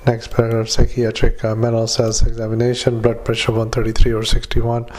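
A man dictating a patient note into a dictaphone, halting with many fillers and reading out punctuation and paragraph breaks. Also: medium pitch, monotone, a little mellow. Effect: dictaphone recording. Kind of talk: medical dictation into a recorder.

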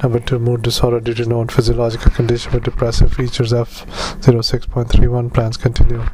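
A man speaking as a doctor doing medical dictation, in halting, clipped phrases with spoken punctuation. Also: mid-range voice, monotone, warm tone, a little hiss or hum, rough recording. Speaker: doctor dictating clinical notes.

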